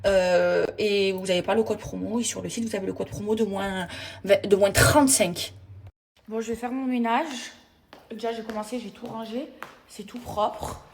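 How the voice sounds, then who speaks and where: A female lifestyle vlogger chats casually to her followers while cleaning at home, calling them girls and speaking in an emphatic, slangy way. Her mid-range voice is darkish, with fairly even intonation and normal speed. A distant mic picks up household cleaning clatter and slight background noise.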